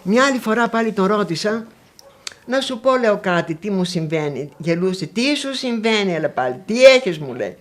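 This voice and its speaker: An elderly woman from northwestern Greece tells her memories in an interview. She brings the stories to life by acting out the remembered conversations in different voices. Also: medium pitch. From Konitsa area, northwestern Greece. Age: older. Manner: lively storytelling, acting out remembered dialogues. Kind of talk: recounting memories.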